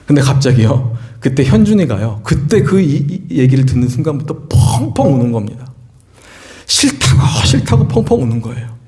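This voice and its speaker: Earnest middle-aged male pastor preaching. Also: moderate pace. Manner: earnest storytelling, rising pitch when excited, asks the congregation questions. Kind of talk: sermon with personal story. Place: church sanctuary.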